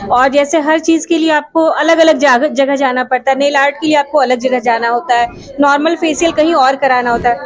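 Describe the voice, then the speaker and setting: A middle-aged woman with a high voice gives a brief statement to a reporter. She speaks as a proud mother, earnest and full of praise. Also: rough recording. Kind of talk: short interview statement.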